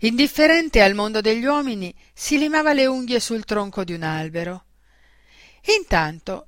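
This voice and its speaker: A woman reading a children's storybook aloud in a gentle, expressive way. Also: on the high side, no room sound, studio quality.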